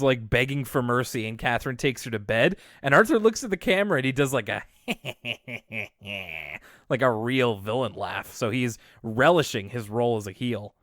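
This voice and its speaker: A man's voice: medium pitch, fairly bright tone, dry recording, clean studio sound. A man co-hosting a podcast, recapping a cartoon episode in a chatty, wry way with many fillers. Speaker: podcast co-host. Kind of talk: casual chat.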